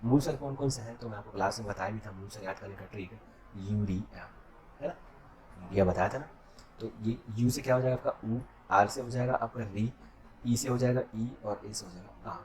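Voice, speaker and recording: A man with a fairly low voice teaches an exam-prep class. He keeps firing questions at his students and answering them himself. He checks after every point that they are following. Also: fairly quick, darkish tone. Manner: drills with self-answered questions and constant "okay?" checks.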